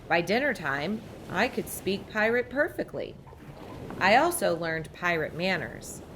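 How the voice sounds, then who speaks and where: A woman narrates a children's storybook in an expressive read-aloud style. Her pitch moves in lively swings and her pace is unhurried, over some background noise. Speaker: storybook reader.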